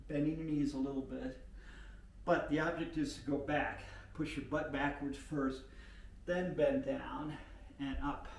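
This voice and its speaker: A man's voice: fairly high pitch, darkish tone. Older man rambling through a home workout. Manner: rambling, unpolished, thinking aloud with many fillers; talks while moving and exercising. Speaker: home exercise vlogger. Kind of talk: casual talk while demonstrating exercises. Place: room in an older mountain home. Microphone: camera set back from the speaker. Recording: roomy home audio from a distant mic, faint hiss.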